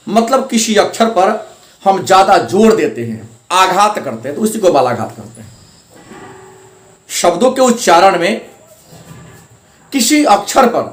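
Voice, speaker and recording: A man teaching a classroom grammar lesson, his voice pitched high for a man and bouncing in an echoey room. He explains step by step, repeating each point and leaning on syllables to show them. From India.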